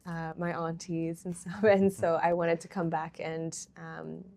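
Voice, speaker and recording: A young woman founder in a casual interview, relaxed and chatty, with many ums and easy laughs. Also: on the low side, measured pace, gravelly. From Hong Kong. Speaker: startup founder, interview guest.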